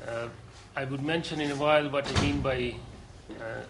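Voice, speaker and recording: A man giving a lecture to a seminar group, earnest and deliberate, pausing often with hesitations. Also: mid-range voice, steady tone, background noise. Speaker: course lecturer.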